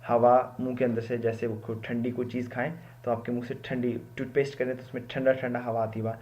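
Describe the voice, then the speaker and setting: A man's voice: medium pitch, flat delivery, a little mellow. A man from Pakistan, a Quran teacher, giving a spoken lesson on Arabic letter pronunciation, explaining and repeating each sound to demonstrate, with English words mixed in.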